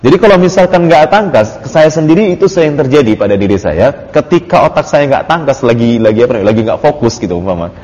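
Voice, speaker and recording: A man's voice: mid-range voice, very animated, quick pace, hardly any pauses, a little mellow. A man teaching Arabic grammar in an informal study circle, explaining patiently with many fillers and easy laughter. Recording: dull lo-fi audio with long reverb.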